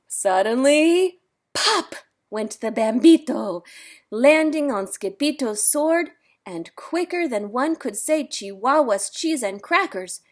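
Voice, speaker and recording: A woman's voice: high voice, expressive, takes it slowly. A woman reading a picture book aloud at storytime, stopping now and then to explain the story to young listeners. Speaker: children's book reader.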